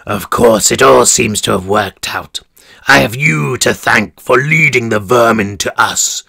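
A man voicing a gleeful, sinister prison warden who whispers and mocks slowly. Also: medium pitch, vocal fry, pushed and bright, breathy edge, full character voice. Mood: menacing. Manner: whispering, mocking, drawn-out.

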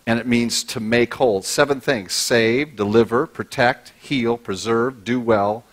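Man, middle-aged, pastor, humorous conversational sermon, medium pitch, body mic, church stage. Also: unhurried. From United States. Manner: humorous, conversational preaching, props in hand.

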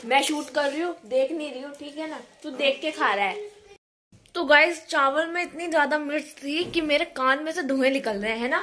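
A young woman vlogging casually at home with her family, chatty and quick to laugh as she talks to her viewers. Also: high voice, bright, forceful tone. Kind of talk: casual home vlog chat.

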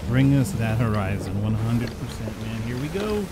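A woman's voice: very deep voice, big pitch swings, moderate pace, heavy background noise. A woman chatting casually while playing a co-op video game. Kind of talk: casual co-op gaming chat. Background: game music.

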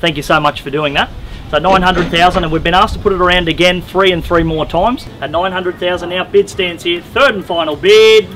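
This brisk, high-voiced young Australian auctioneer keeps a steady, somewhat bright tone as he addresses bidders courteously and formally. The live bid calling takes place outdoors on a wooden deck while music plays.

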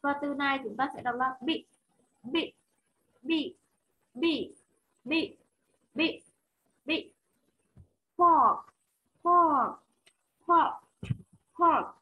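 A woman teaching English to children online, slowly repeating each word with careful enunciation. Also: sits high. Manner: slow repeated drilling of single words, clear enunciation. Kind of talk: online class drilling vocabulary. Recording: muffled lo-fi online call audio.

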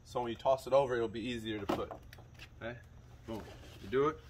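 Briskly and in a relaxed, teaching tone, a young fishing channel host talks viewers through a casual how-to outside in a suburban driveway, his pitch an ordinary mid range. A camera mic drifts toward and away from him while a faint hiss of outdoor noise runs underneath.

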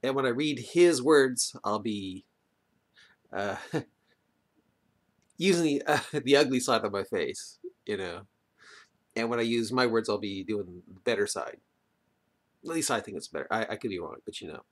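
A middle-aged man, a video maker, talks casually into a webcam microphone at home in a wood-panelled room, holding it near arm's length. His voice is on the low side and expressive, at a moderate pace, and he pauses often, hesitating and frequently trailing off. The noisy webcam mic picks up the room ambience.

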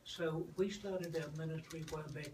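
An older Australian man teaches in a gentle, measured voice that sits a little high. He is heard from a distance in an echoey room, with clear background noise. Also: steady tone. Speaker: guest minister and counselor. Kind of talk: calm teaching talk.

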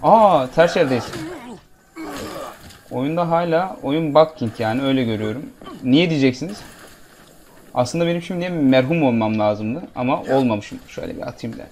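A man's voice: medium pitch, moderate pace, darkish tone, slight background noise. A man giving casual, jokey let's-play commentary and talking back to the game characters as he plays. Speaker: gameplay commentator.

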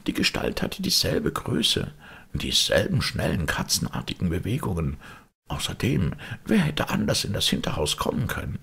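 A man voicing a loyal, frightened old male servant in an audiobook, speaking in a hushed, anxious, pleading way with a raspy voice. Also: sits low, huge pitch swings, moderate pace, voice pushed up, full character voice. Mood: uneasy. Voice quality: gravelly, raspy. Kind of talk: audiobook character reading.

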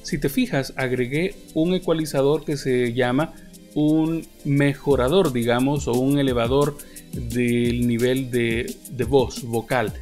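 A man's voice: medium pitch, fairly even intonation, unhurried, darkish tone, faint music behind. A man teaching podcast editing, talking patiently with frequent hesitant fillers like "eh". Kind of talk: explanatory tutorial. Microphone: studio podcast microphone.

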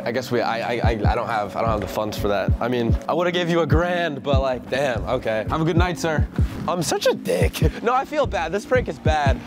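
A young man talking casually in a prank vlog, joking and laughing often with quick slangy talk, filmed on a handheld camera in stores and outside. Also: mid-range voice. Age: young adult. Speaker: vlogger. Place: stores, parking lot and gas station, indoors and out.

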